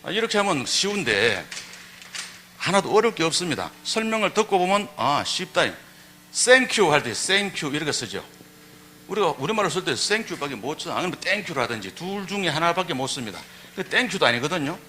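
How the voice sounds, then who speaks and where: A man gives a public lecture on Korean script in a slightly high, sing-song voice at normal speed, with a bright, forceful tone. There is a little hiss or hum in the audio. He poses rhetorical questions to the audience and sounds out letters to demonstrate them.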